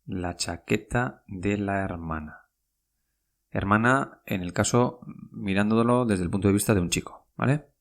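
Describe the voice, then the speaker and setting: A man's voice: on the low side, unhurried, creaky. A man teaching a podcast language lesson, patient and repetitive, spelling out words and saying each phrase twice.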